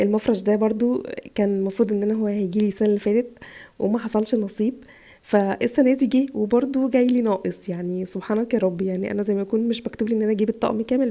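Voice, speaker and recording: An Egyptian woman rattles through her haul at a breakneck pace, gushing over each item. Her voice is dark and gravelly, worn down by a chest cold she has had for weeks. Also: a little high. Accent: Egyptian Arabic. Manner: chatty, gushing over items. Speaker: vlogger, mother. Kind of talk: casual haul video. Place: home in Italy.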